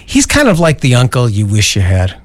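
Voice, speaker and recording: Radio host, mid-pitched and lively, casual chat, playful and halting.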